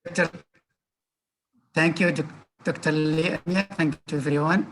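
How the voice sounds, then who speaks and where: A man's voice: a little high, little pitch movement, measured pace, fairly bright tone, a little hiss or hum. A man speaking on a video call over a weak, breaking internet connection, checking again and again that he can be heard. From Yemen. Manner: short repeated checks that he is heard. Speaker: museum director giving a presentation. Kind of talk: online conference talk.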